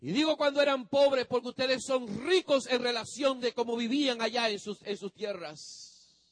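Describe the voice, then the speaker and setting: A man's voice: very high-pitched, normal speed, no echo. A male pastor preaching a sermon, speaking emphatically to the congregation and drawing out the ends of phrases.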